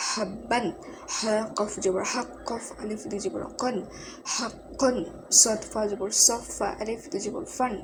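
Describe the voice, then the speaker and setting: A woman of middle pitch leads a recitation lesson, patiently spelling out each syllable before joining them up. Her voice sits over a steady, clearly audible hiss of background noise. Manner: slow, patient letter-by-letter spelling with short explanations. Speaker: Quran reading teacher.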